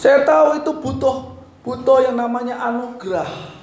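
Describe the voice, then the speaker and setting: A man preaching a sermon, pleading and emphatic, swinging between loud and soft. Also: very high voice, normal speed. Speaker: pastor. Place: church hall. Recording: echoey church hall with faint noise.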